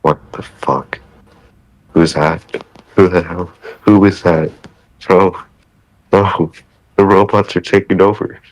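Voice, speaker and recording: A man talking as a podcast guest, hesitant and halting, laughing often. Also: low voice, fairly even intonation, dry recording, rough recording. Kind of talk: casual podcast chat.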